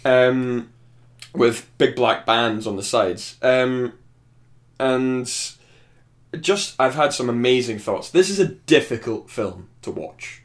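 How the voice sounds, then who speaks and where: Man reviewing a film in relaxed chat; thoughtful, meandering delivery. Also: mid-range voice, slow. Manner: thoughtful, rambling with restarts. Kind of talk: casual podcast chat.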